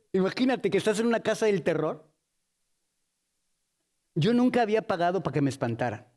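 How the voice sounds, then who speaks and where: A Mexican man preaching with a high, lively voice that swoops all over the place. He keeps things casual and jokey, loaded with slang, and shifts his tone often. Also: fairly quick, pauses often. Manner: animated, colloquial, joking. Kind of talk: sermon.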